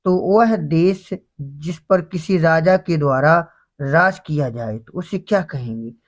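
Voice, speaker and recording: A man teaching English vocabulary for an exam in Hindi, asking students questions and then answering them himself. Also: on the high side. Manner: reads English slowly, then explains in Hindi. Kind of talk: exam-prep grammar lesson.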